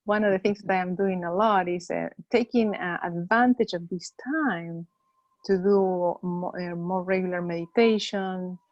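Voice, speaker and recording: Low-voiced hesitant Argentine-born woman. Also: fairly even intonation, no echo, dull audio. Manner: slow, hesitant, many fillers. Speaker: holistic counselor. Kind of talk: interview answers.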